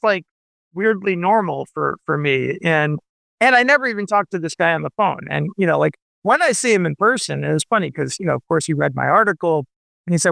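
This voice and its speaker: A man in his forties, a novelist, guests on a radio show and chats casually, rambling with many fillers and restarts. His voice is fairly high, creaky, and fairly bright, recorded with no echo.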